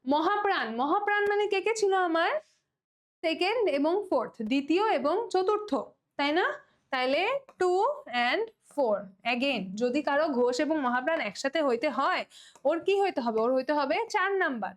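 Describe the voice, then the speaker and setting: A woman's voice: high-pitched, expressive, normal speed. A young woman teacher with a Bangladeshi Bengali accent giving a playful online exam-prep lesson and pleading with students to understand. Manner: playful, pleading, mixes English words.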